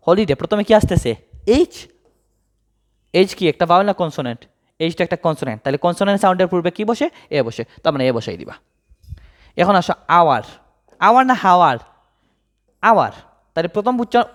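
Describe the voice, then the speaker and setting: A male English grammar teacher from Bangladesh. He explains the lesson by asking questions and answering them himself, dropping low and soft on each answer.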